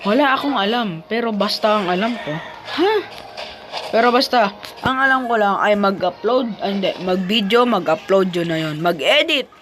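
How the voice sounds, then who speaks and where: A woman's voice: medium pitch, lively intonation, normal speed, music in the background, rough recording. A woman chatting playfully as she comments on her own mobile gameplay. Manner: playful, chatty, self-talking while playing. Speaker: gaming vlogger.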